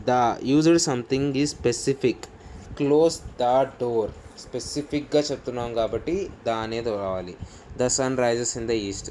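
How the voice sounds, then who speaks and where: A man with a Telugu accent teaching English grammar. He reads each English rule out slowly, then explains it in Telugu. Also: mid-range voice, darkish tone, slight background noise. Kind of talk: bilingual grammar lesson.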